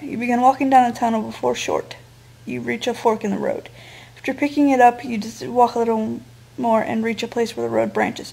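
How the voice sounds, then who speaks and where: A woman's voice: fairly high pitch, creaky, a little mellow, breathy edge, rough recording. A woman reading a text adventure game aloud and playing it, with wry, joking asides.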